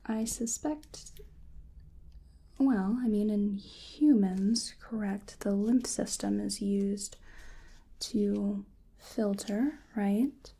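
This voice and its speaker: A woman plays a hesitant, curious creature researcher in an ASMR exam roleplay, whispering softly and musing in a gentle, apologetic way. Her voice is medium-pitched and husky, extremely slow and heavily acted.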